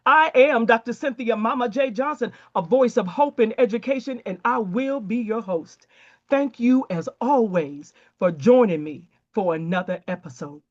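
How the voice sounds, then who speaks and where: A woman's voice: fairly high pitch, lively intonation, normal speed, highs cut off. A woman hosting an education podcast, speaking with fervent, preacher-like emphasis and exclamations. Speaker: podcast host.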